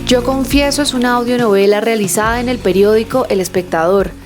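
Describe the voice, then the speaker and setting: A woman's voice: a little high, fairly quick, over music. A woman reading scripted podcast credits as an announcer.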